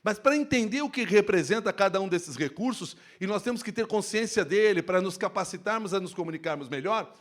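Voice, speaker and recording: A man speaking on stage at a workplace safety event, giving an expressive live lecture into a handheld microphone. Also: sits high. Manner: animated, expressive, shifts tone to demonstrate.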